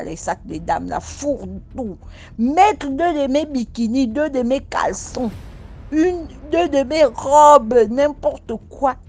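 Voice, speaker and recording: A woman dramatically telling her own supernatural experience as a testimony, acting out sounds and pleas. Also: fairly high pitch. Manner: animated, acts out sounds and pleas, slips into sobbing. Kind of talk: dramatic first-person testimony.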